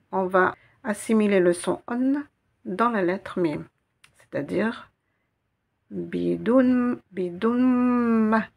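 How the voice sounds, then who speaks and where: Slow, gravelly woman teaching Arabic reading. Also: mid-range voice. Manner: patient, slow and didactic, repeats syllables. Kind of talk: guided reading lesson.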